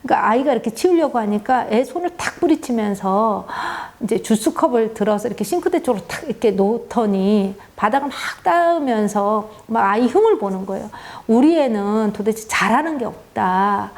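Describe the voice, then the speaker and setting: Soft-toned woman giving a parenting talk. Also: fairly high pitch, animated, a little fast, hardly any pauses. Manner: earnest, warm storytelling with many "네" affirmations. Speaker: parenting lecturer. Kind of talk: parenting talk with acted examples.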